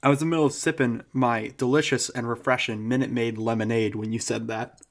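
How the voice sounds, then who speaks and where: A young man co-hosting a podcast, chatting casually with quick, teasing banter. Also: medium pitch, level tone, a little hiss or hum. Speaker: podcast co-host. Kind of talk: casual chat.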